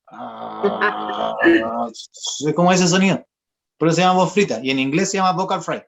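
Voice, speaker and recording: A young man, a voice therapist and singer, patiently explaining vocal exercises step by step in an online lesson. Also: high voice. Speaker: voice therapist and singer giving a workshop. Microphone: video call. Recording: dull lo-fi video call audio.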